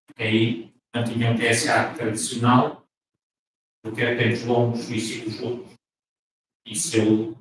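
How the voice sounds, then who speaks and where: A man's voice: mid-range voice, noisy background. A man from Portugal with a European Portuguese accent, giving an academic seminar talk and often restarting his phrases as he thinks aloud. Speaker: guest lecturer. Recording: echoey room, from far off.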